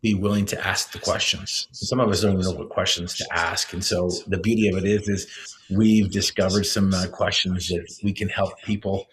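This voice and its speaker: A man with a fairly low voice talks earnestly in an interview, explaining his coaching tools. He often restarts and fills pauses with "uh" and "you know.". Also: little pitch movement, a bit bright, low-quality recording. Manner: earnest, many fillers and restarts. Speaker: motivational speaker, guest. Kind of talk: casual interview talk.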